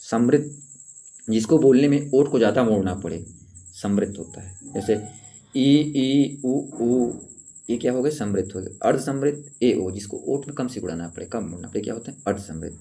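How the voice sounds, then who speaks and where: A man teaches an exam-prep grammar lesson in a low, warm, mellow voice. He asks his class questions and answers them himself. He repeats the key points so they stick. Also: expressive, brisk, creaky. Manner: draws out sounds when demonstrating vowels.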